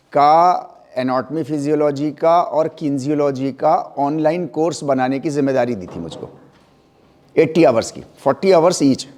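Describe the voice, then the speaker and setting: A man's voice: a little high, a little mellow. A middle-aged man lecturing an anatomy class, mixing Hindi and English and often checking that students follow. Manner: mixes Hindi and English, spells terms letter by letter; stresses pronunciation, asks checking questions. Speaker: anatomy teacher.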